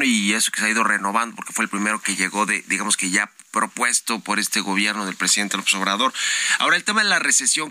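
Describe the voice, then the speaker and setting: A man's voice: fairly low pitch, pushed and bright. A man with a Mexican accent hosting a radio interview, asking long questions with many fillers and restarts. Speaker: radio host.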